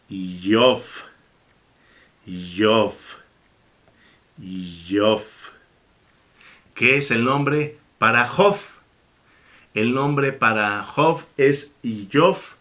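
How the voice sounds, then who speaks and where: A man's voice: mid-range voice, bright, forceful tone. A man teaching a Bible Hebrew class, patiently repeating each word and stopping to bless God between points. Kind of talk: slow, patient classroom lesson.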